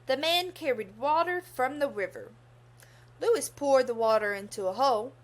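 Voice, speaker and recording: With a high voice and lively intonation, a young adult woman narrates a children's story in a teacherly way. She breaks off now and then to quiz the kids listening.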